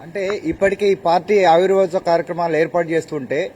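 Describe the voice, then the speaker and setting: Brisk high-voiced male field reporter. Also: steady tone, a little mellow. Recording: faint ambient noise.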